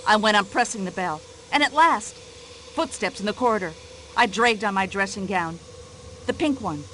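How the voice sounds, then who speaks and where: An actress playing a pushy, talkative middle-aged American widow who complains indignantly, with an American accent. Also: female voice, mid-range voice, expressive, normal speed, fairly bright tone, slight background noise, close to an everyday voice, rough recording. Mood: breathless fright. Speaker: witness in a radio-style drama.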